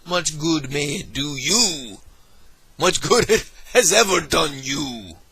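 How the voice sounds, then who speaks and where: A man's voice: mid-range voice, slow, bright, forceful tone, slightly rough, no room sound, heavily acted. A man voicing a grumpy, miserly old man who snaps out short, scornful outbursts.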